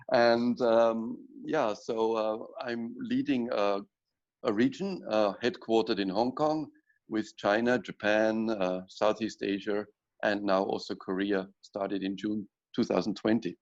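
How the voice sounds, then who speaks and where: A man's voice: on the low side, takes it slowly. A man from Austria, introducing himself chattily with light humor on a webinar panel, over dull lo-fi call audio. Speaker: regional logistics director, panel guest.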